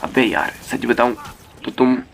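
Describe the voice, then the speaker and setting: A man's voice: medium pitch, measured pace, gravelly, slight background noise. A young man giving a heated, crude commentary rant as a YouTube commentator, swearing freely. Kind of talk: ranting commentary.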